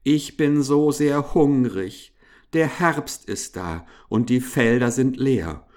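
A man voicing a clever little female field mouse who pleads and whines in a high, plaintive voice. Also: lively intonation, slow pace, a little mellow. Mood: pleading. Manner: whining, pleading, sighing.

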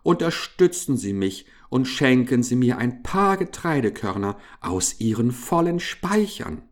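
A man's voice: medium pitch, very animated, a little slow, voice pushed up. A man doing a whining little field mouse. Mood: pleading. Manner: whining, pleading, sighing. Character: clever little female field mouse, plaintive and sly.

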